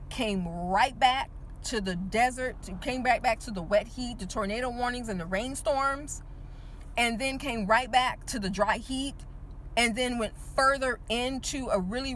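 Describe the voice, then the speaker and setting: Speaking straight to the viewer, a teacher and motivational speaker in her forties gives a casual pep talk, checking in with "right?" and repeating words to stress them. She sounds slightly high and bright, with a little background noise.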